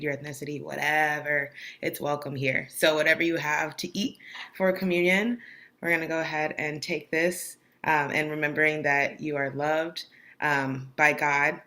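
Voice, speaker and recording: A woman leading communion in a hesitant, informal, warm way, with many "um"s. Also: deep voice. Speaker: communion leader. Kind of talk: casual, informal communion talk.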